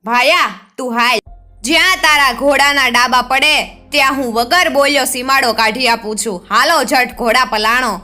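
A woman's voice: sits high, normal speed, pushed and bright, soft background music. A woman voicing a proud, shrewd and loyal Mer warrior man in a folk tale, speaking earnestly. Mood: urgent.

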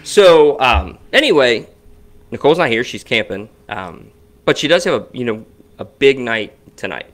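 A man's voice: mid-range voice, big pitch swings, moderate pace, a bit bright. A man co-hosting a podcast in casual chat, talking in a rambling way with frequent restarts. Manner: rambling, restarts often, chatty. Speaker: podcast co-host. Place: basement home studio.

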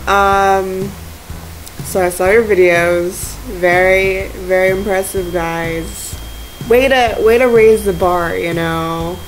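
A sleep-deprived young woman rambling casually to friends on a webcam at home, slangy and joking in a deadpan way. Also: medium pitch, slow, slight background noise, rough recording. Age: young adult. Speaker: video blogger. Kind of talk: casual chat to friends on camera. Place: living room at home, indoors. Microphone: webcam or laptop mic at arm's length.

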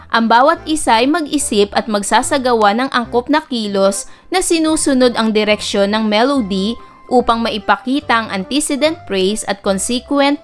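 A woman music teacher giving a recorded lesson to children, speaking slowly and clearly. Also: fairly high pitch. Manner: slow, clear teacher talk, breaks into singing nursery songs.

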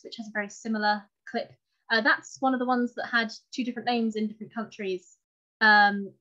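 A woman with a mid-range, slightly bright voice gives an informal, chatty, self-deprecating online talk about fountain pens. She's presenting from a room at home over a video call, and the call microphone yields dull, lo-fi audio.

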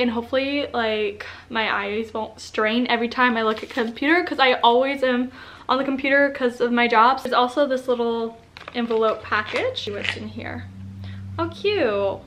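A young woman chatting excitedly to camera in a casual vlog. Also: on the high side, slight background noise. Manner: bubbly and excited. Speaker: vlogger.

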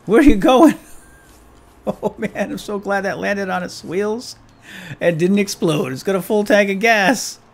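A man with a voice that sits high talks a little slowly while hosting a gaming series. His let's play commentary is casual and playful, full of exclamations as he chats to himself and his viewers.

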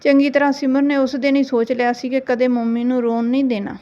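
A woman narrating a short family story in a gentle, steady reading voice. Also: sits high, quick pace, dull audio.

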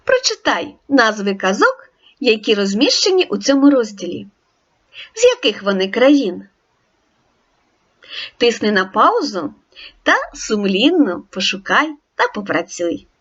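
Woman teacher, reading lesson for kids, high lively voice, clear encouraging instructions, muffled lo-fi sound. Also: unhurried, long pauses. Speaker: primary school teacher. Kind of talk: recorded reading lesson for children.

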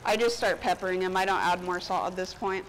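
Speaking fast in a lowish voice with fairly even intonation, a woman in her thirties demonstrates cooking and chats informally as she works in front of onlookers. She's on an outdoor covered market stage, wearing a lapel mic. The audio is poor, with outdoor park sounds behind her voice.

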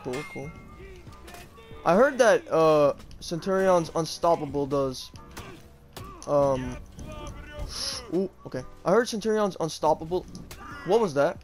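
A man's voice: fairly high pitch, lively intonation, slow, long pauses, faint music behind. A man giving casual live gameplay commentary as a YouTuber, talking in an informal, slangy way with plenty of swearing. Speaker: gaming YouTuber.

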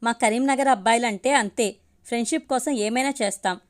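A teasing young college buddy full of chummy banter, read in a storybook reading by a woman with a higher voice. He jokes along with his friend and eggs him on. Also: brisk, lightly acted.

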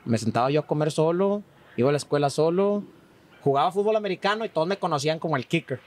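A man, a podcast guest chatting casually and telling stories with lots of "verdad". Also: fast talker. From Monterrey, Mexico. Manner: animated, acts out quoted voices with rising pitch; frequent fillers like "¿verdad?". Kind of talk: casual conversational storytelling.

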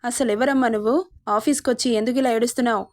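A woman's voice: on the high side, steady tone, quick pace, close to an everyday voice. A woman voicing office security guards who question and scold an intruder, in a dramatized story reading. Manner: scolding, demanding.

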